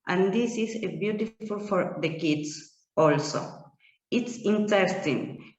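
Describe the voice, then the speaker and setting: A woman in her thirties from Argentina, a language student giving a classroom presentation. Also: mid-range voice. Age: 30s. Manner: reading aloud slowly and carefully. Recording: echoey muffled room.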